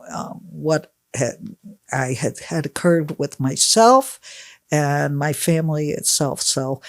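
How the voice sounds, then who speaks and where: A woman in her sixties from Connecticut, a personal trainer appearing as a podcast guest, answers interview questions in a chatty, emphatic, conversational manner. Her voice is low, and the studio recording is clean with no echo.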